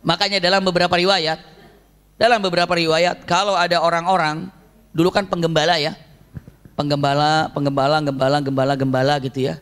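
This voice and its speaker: A man delivers a storytelling religious lecture. He talks in an animated way and keeps asking his listeners questions. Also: a little high, fairly quick, clear, resonant tone. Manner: animated, acts out shouted quotes, asks the audience questions. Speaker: Islamic preacher.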